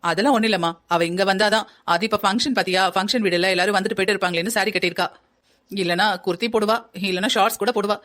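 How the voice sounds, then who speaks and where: Lady as a chill cartoon mother-in-law, quick talker, mid pitch, reassuring. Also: steady tone, lightly acted. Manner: gentle, reassuring. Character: kind, easygoing middle-aged mother-in-law. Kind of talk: cartoon story voice acting.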